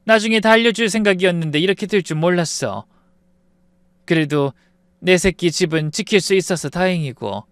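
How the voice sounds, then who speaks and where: Story narration: bride's mother, played by a man, calm and knowing, dry close sound. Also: high-pitched, normal speed, clean tone, no echo, voice pushed up. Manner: calm, matter-of-fact.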